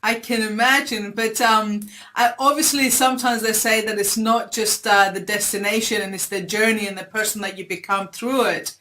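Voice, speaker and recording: A woman hosting an interview on a video call, asking questions in a measured, encouraging way. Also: mid-range voice, steady tone, sharp tone. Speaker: interviewer, host.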